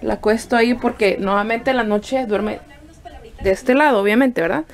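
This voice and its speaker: A woman's voice: fairly high pitch, normal speed. Chatty young mother vlogging at home. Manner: chatty, rambling with fillers and restarts. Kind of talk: casual daily vlog.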